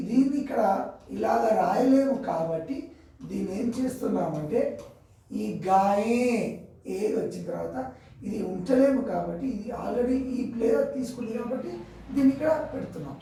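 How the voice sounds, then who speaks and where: Male teacher, high voice, slow repetitive explanation, far from mic, heavy room echo. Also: a little mellow. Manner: explains slowly, repeating words and their plurals. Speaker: Hindi teacher. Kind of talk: classroom grammar lesson.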